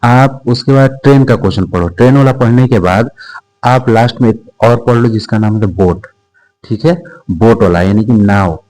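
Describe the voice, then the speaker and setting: A man's voice: fairly low pitch, normal speed, darkish tone, poor audio. A man teaching an exam-prep math lesson, repeating key terms and asking questions he then answers himself. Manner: repetitive, asks and answers own questions.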